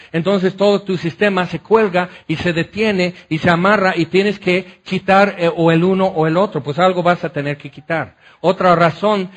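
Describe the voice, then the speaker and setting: High-voiced impassioned male preacher. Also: slight background noise. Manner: impassioned, swelling to loud repeated exclamations then dropping soft; asks the congregation rhetorical questions. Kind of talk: sermon. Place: large tent.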